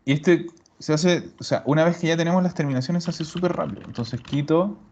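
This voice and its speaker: A man's voice: fairly high pitch, fairly quick, darkish tone, a little hiss or hum. A man teaching a grammar class, explaining step by step and patiently repeating his students' answers. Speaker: Italian teacher. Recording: dull lo-fi recording.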